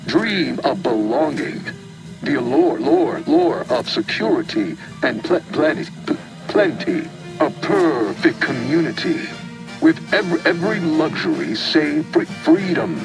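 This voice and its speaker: Glitching, stuttering corporate AI. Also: male voice, fairly high pitch, big pitch swings, measured pace, over music, low-quality recording. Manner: clipped machine diction. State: glitching, stuttering on syllables, repeating "error". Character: malfunctioning corporate AI computer, male. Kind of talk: video game dialogue.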